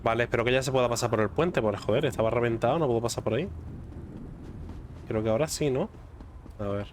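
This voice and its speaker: Quick pace, male streamer, Spain Spanish accent, casual gameplay commentary, colloquial swearing, faint background noise. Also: medium pitch. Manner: colloquial, swearing, muttering to himself. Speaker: gaming streamer.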